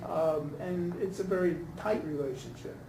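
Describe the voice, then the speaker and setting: A man in the audience, a scholar, gives hesitant, informal feedback at a talkback after a reading, working out his thoughts aloud in a group discussion. His voice is high-pitched and mellow at normal speed. He sits far from the mic in an indoor room, so the recording is distant, roomy and noisy.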